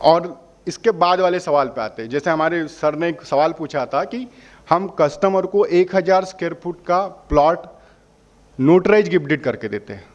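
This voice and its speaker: A man's voice: a little high, normal speed, dull audio. Persuasive man explaining a membership. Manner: persuasive, asks questions and answers them himself. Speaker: holiday membership company representative. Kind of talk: explaining a sales pitch to customers.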